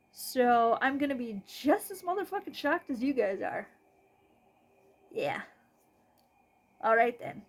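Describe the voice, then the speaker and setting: A middle-aged American woman from North Dakota hosting spooky stories in a casual, rambling, informal chat with her followers. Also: high voice. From North Dakota, United States. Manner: rambling, informal, swears freely. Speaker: horror storytelling host. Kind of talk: casual spooky storytelling vlog, chatting to followers.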